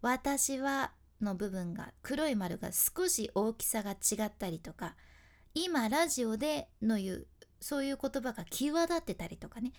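A woman's voice: fairly high pitch, lively intonation, unhurried. A woman who works as an announcer, giving a chatty, step-by-step lesson on speaking and acting out example phrases. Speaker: announcer teaching speaking skills. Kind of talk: casual instructional talk.

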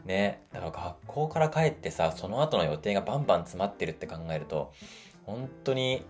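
A man talking in a casual monologue as a podcast host. He is chatty and animated and acts out quotes in a raised voice. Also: deep voice, fairly quick, soft background music.

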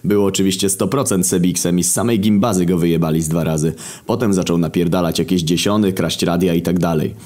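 Man, low voice, casual comic storytelling, slangy, swearing, deadpan. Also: brisk.

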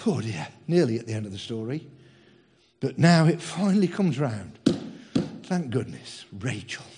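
A man's voice: medium pitch, very animated, moderate pace, darkish tone, a little hiss or hum. A man preaching a sermon in a humorous, chatty way, teasing his congregation.

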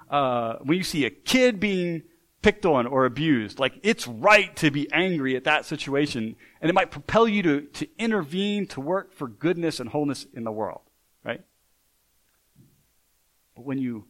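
A man's voice: on the high side, a bit bright, rough recording. A man preaching a sermon in a conversational way, often restarting sentences and checking in with "right?". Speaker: pastor.

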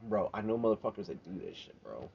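A man's voice: lowish voice, big pitch swings, fast talker, vocal fry, a little mellow, a little hiss or hum. A man rambling through a casual story, swearing and asking "right?" every few words. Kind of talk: casual banter. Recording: dull lo-fi sound.

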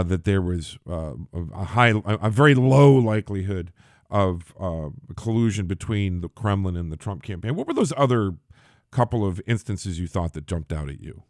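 A man hosting a political podcast, asking his guest questions in a halting way with frequent pauses and restarts. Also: fairly low pitch, dry recording, studio quality. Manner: halting, with many fillers and restarts. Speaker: podcast host. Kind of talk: political interview.

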